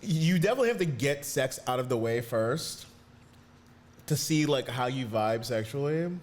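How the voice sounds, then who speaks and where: A man co-hosting a podcast, chatty and quick to laugh in casual talk. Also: mid-range voice, animated, a little mellow. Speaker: podcast co-host. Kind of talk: casual chat.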